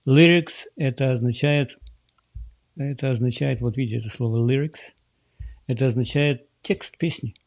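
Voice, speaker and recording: Gravelly, dark-voiced man teaching English. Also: medium pitch, no echo. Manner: explains patiently, slowly repeats English words. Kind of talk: casual screen-share language lesson.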